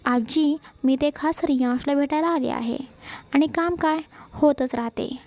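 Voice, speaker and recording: Woman doing a boastful spoiled young woman, high voice, gravelly. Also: unhurried, darkish tone. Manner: boastful, self-assured.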